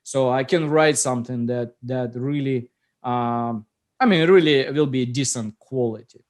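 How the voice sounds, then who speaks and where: A medium-pitched man talks at a measured pace in this casual video call. The middle-aged host, who founded the app under discussion, has a Russian accent and often searches for words.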